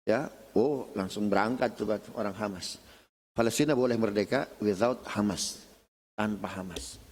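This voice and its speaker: A middle-aged Indonesian man giving a casual religious lecture at a mosque, telling lively stories and addressing his listeners directly. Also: fairly low pitch, normal speed, breathy edge. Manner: animated storytelling, often addressing listeners as "Pak". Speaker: lecturer at a mosque study session. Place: mosque hall. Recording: long reverb of a mosque hall.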